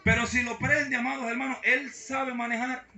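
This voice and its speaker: A man's voice: extremely high pitch, flat delivery, moderate pace, sharp tone. A man, a pastor preaching a sermon and calling out again and again to the congregation. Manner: preaching with repeated call-outs to the congregation. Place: church. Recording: echoey church hall from far off.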